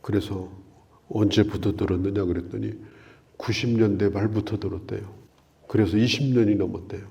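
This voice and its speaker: Low, gravelly-voiced middle-aged male pastor. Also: fairly even intonation, moderate pace, warm tone. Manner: earnest, emphatic rises with some phrases dropped to a whisper. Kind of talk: daily Bible exposition sermon.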